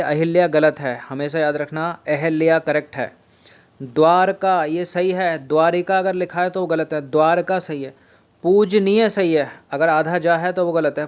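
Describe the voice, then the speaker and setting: A man's voice: fairly high pitch, smooth. A man teaching an exam-prep spelling lesson, repeating words over and over and putting questions to his students.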